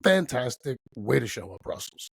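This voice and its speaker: A man co-hosting a casual wrestling podcast, talking as an emphatic, enthusiastic fan with a gravelly, husky voice. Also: medium pitch, sing-song, normal speed, dry recording, clean studio sound. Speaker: podcast co-host.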